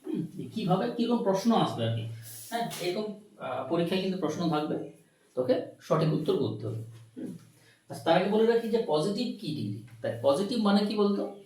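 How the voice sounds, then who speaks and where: A man teaching an English grammar lesson, asking questions, answering them himself and repeating words slowly. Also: sits high, sing-song, darkish tone, recorded from a distance. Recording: very echoey room, recorded from afar.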